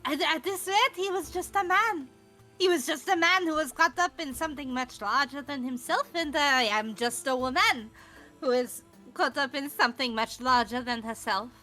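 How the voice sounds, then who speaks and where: A weary older woman, voiced by a woman player speaks in character during a tabletop role-play. Her tone is high and bright, and her manner is resigned and musing. She sounds like someone with no goal left. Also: moderate pace, faint music behind. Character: weary older woman drifting without a plan.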